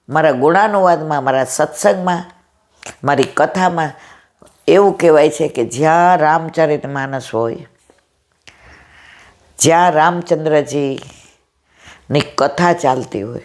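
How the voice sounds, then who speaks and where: A middle-aged woman with a loud, powerful voice, giving a devotional storytelling discourse and acting out the dialogue in her stories. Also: deep voice. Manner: retells stories with quoted dialogue. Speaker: satsang speaker.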